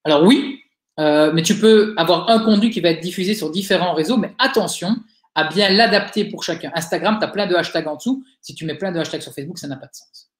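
In roomy webinar audio, a man speaking Belgian French with a Liège accent fields audience questions live. He runs a digital agency and comes across as talkative and supportive, with a high, quick voice and many hesitations.

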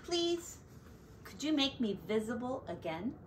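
Woman voicing a sweet, high-pitched young possum. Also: very animated, a little slow, far from the mic, a little hiss or hum. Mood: pleading. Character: young invisible possum, sweet, polite and brave.

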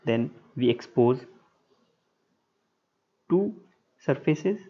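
A man's animated, husky, mid-range voice carries a structural engineering lecture on a whiteboard screen recording. He talks in short, measured, halting phrases, and the sound quality is dull and lo-fi.

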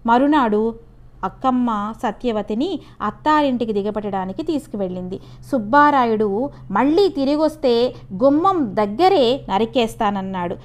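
Andhra Telugu woman, fairly high voice, story-reading lecturer. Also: lively intonation, moderate pace, darkish tone. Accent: Telugu regional (Andhra).

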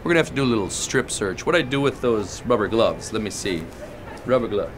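A comedian playing a sarcastic, leering airport guard. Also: male voice, lowish voice, animated, a little fast, slight background noise, close to an everyday voice. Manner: sarcastic, interrogating, mock-official. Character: pushy, leering male airport security guard. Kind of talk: comedic character monologue.

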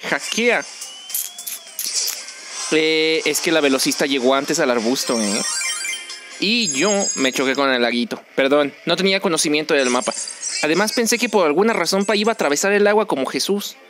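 Young Mexican male streamer, teasing and excitable, high pitched, clear game music underneath. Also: moderate pace. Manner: joking, excitable, teasing teammates. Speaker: gaming streamer. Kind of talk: casual gameplay commentary.

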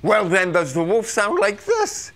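A man's voice: sits high, wildly swooping pitch, measured pace, very noisy, heavily acted. A man playing a big, silly, happy-go-lucky wolf on a children's stage, talking playfully to the kids. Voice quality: playful, jumps into animal sounds. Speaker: live stage performer. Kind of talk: live children's theater. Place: stage before a child audience.

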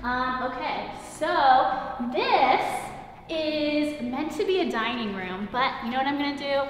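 A woman's voice: high-pitched, lively intonation, unhurried. Sing-song young woman in an echoey empty home. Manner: chatty, sing-song, many "like"s. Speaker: vlogger giving a home tour. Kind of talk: casual vlog walkthrough. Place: large empty apartment. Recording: very echoey empty rooms with music. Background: music from house speakers.

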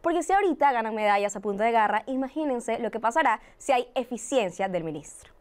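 Lively young woman news presenter. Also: fairly high pitch, fast. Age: young adult. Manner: lively and teasing. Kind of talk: scripted satirical news reading. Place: TV news studio. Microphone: lapel mic.

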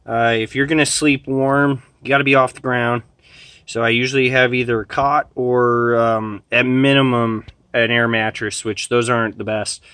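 A man's voice: medium pitch, level tone, normal speed, a bit bright, clean tone, dry recording. A man in his thirties, chatty and plain-spoken with lots of "uh" and "um", giving camping gear advice outdoors at a campsite and talking into a handheld camera. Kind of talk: casual outdoor gear talk.

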